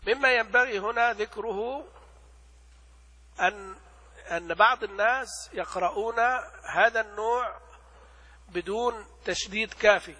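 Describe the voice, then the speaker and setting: High bright-voiced man teaching in a hall. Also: husky. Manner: explains by asking and answering his own questions, recites examples slowly. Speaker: religious teacher. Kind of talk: lecture explaining a classical text.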